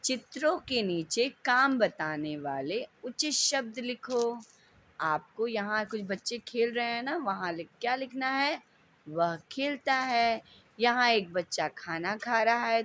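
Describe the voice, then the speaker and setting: A woman leads an online lesson for young children. Her voice sits a little high and she speaks very slowly. She repeats each word patiently so the class can follow along. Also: lively intonation, a bit bright, slight background noise. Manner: slow, patient, repeats words for children to copy. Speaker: teacher.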